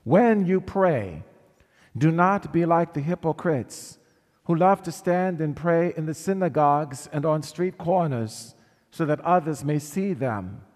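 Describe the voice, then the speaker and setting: A male priest leading Mass with measured, solemn reading and sung acclamations, his voice ringing with a cathedral echo in a large church. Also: a little high, animated, darkish tone. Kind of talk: liturgical reading and chanting at Mass. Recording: long church reverb.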